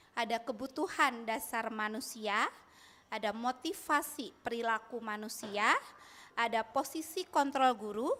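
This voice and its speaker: A woman's voice: on the high side, fairly bright tone. A woman teacher from Bandung with an Indonesian accent giving an upbeat training presentation to colleagues, often asking them to reply. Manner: upbeat, asks audience for replies.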